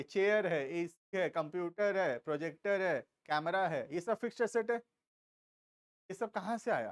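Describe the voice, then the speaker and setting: A man with an Indian accent teaching a commerce class, explaining slowly and stopping to check that students follow. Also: sits high, dry recording, studio quality. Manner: explains slowly, asks checking questions, drawls key terms. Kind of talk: classroom lecture.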